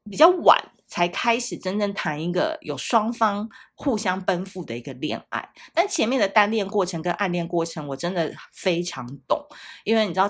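A woman's voice: fairly low pitch, husky. A woman, hosting a casual solo podcast in a chatty, playful way. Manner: chatty, playful, laughs often. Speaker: podcast host.

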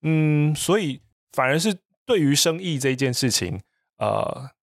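A man's voice: a little high, lively intonation, unhurried, gravelly, no room sound, studio quality. A man talking as a podcast guest in casual chat, thoughtful and a little hesitant, laughing now and then. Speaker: podcast guest, voice business founder.

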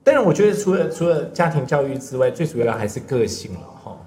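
Man, middle-aged, podcast co-host, casual chat, gentle, laughs easily, very animated pitch. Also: fast, a little hiss or hum.

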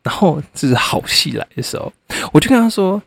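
A young man, hosting a podcast and telling a story in a blunt, animated way, swearing and laughing often. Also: a little high, fairly quick, vocal fry, breathy edge. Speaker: podcast host. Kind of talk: casual storytelling monologue.

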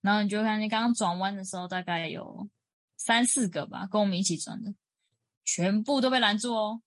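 A woman's voice: medium pitch, a little fast, dry recording. Chatty woman, dry close sound. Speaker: podcast co-host. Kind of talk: casual chat.

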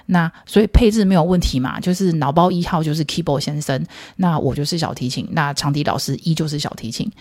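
A woman's voice: low-pitched, darkish tone, dry recording, clean studio sound. A woman in her thirties with a Taiwanese Mandarin accent, hosting a podcast in a playful, teasing storytelling manner. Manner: playful, teasing, laughs at her own jokes. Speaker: podcast host. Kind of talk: casual storytelling monologue.

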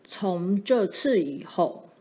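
A woman voicing a protective pioneer father who speaks firmly and gravely to his daughters. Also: fairly low pitch, unhurried, a little mellow, pitched below the performer's own voice, natural voice. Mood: stern. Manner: firm and warning, grows grave.

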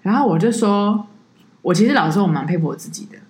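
A woman co-hosting a podcast chats casually about her work leading tours, telling stories and acting out the people she quotes. She talks fast at medium pitch, animated throughout. The recording is reverberant.

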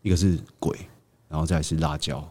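A man's voice: rumbling low, quick pace. A man, a podcast guest telling a story in casual chat and acting out the quotes. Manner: animated storyteller, acts out quotes.

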